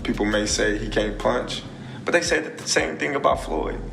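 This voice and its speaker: A man's voice: lowish voice, normal speed, vocal fry. A man talking loosely in a casual interview, chuckling and using lots of fillers. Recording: echoey room with music under it.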